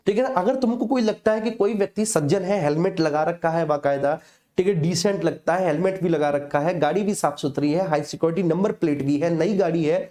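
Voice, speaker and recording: A man coaching students for a police exam gives an informal lesson, explaining things conversationally and often tacking on check-in tags. His voice is high and mellow.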